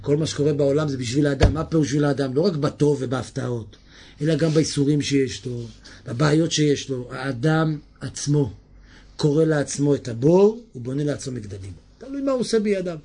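A man preaching a Torah sermon with a gravelly, somewhat husky voice that sits a little high. His delivery is animated and full of swings, from hushed asides to sudden shouts. He keeps putting rhetorical questions to his listeners.

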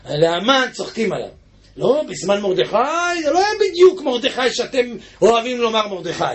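Very high-voiced impassioned male preacher. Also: sing-song. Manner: swings between fervent shouting and hushed asides. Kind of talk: impassioned Torah sermon.

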